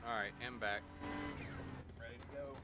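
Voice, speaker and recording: A man's voice: mid-range voice, normal speed. A man chatting casually and bluntly as a race engineer to his teammate, with car engines behind him. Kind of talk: casual sim racing team chat. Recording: very noisy, engine roar. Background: race car engine noise.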